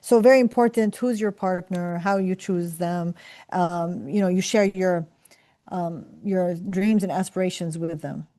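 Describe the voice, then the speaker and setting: A woman's voice: fairly low pitch, measured pace, mellow. Earnest middle-aged woman. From Palestine. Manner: reflective, earnest, many fillers and restarts. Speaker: professor and scientist. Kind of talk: career talk to students.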